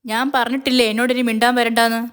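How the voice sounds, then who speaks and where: A woman's voice: a little high, flat delivery, rapid-fire, fairly bright tone, smooth, close to an everyday voice. A woman voicing a young woman who pleads and argues on the phone in distress. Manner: pleading, upset, defiant.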